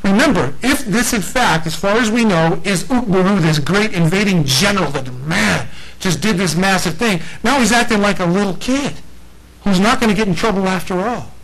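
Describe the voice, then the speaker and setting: A man's voice: high voice, low-quality recording. A man preaching a casual sermon, retelling scripture with playful acted-out voices and frequent laughter. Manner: animated storyteller, acts out lines in slangy voices, laughs often.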